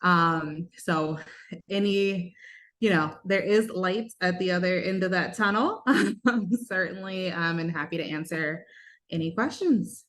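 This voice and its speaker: A woman physician from Los Angeles introduces herself over a video call. Her voice is somewhat low. She sounds warm and encouraging. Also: measured pace. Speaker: attending physician.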